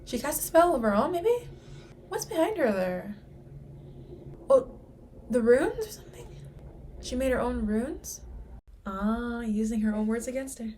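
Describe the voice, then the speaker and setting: Woman reacting to an episode, keeps gasping and guessing whats next, kinda high voice. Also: unhurried, pauses often, a little hiss or hum. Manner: excitable, gasps and exclaims at the screen; speculates aloud to viewers. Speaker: reaction video host. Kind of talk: casual reaction commentary.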